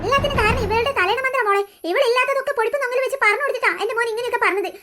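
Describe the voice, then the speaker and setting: A woman's voice: extremely high pitch, rapid-fire, pushed and bright. A woman voicing a doting, meddling old grandmother in a cartoon, with a pleading, sly manner. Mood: coaxing. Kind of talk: cartoon dubbing.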